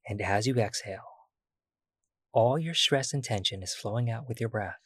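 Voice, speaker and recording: A man leads a calm body-scan meditation in a soft, breathy voice. His pitch sits low and he leaves long pauses between phrases. The recording is dry and close, with no room sound. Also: no room sound. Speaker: meditation guide.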